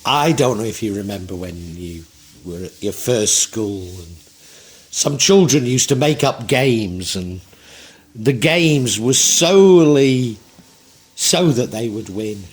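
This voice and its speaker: A man's voice: mid-range voice, expressive, takes it slowly. A man in his sixties giving a tarot reading in a reflective, rambling way with frequent restarts. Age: 60s. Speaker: tarot reader.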